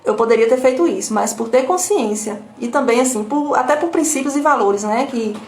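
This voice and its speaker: A woman with a Brazilian accent teaches in an explanatory, repetitive way. She keeps asking rhetorical questions and tagging her sentences to check in with her listeners. Her fairly high voice carries a roomy echo. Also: a little fast. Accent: Brazilian Portuguese. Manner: rhetorical questions with frequent tag questions. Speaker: emotional intelligence coach. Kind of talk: live talk to an audience.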